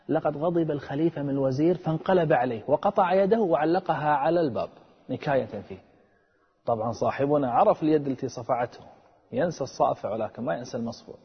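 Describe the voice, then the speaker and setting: A man preaching a sermon with earnest, dramatic storytelling and a husky voice. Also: medium pitch. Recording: echoey and dull, long reverb.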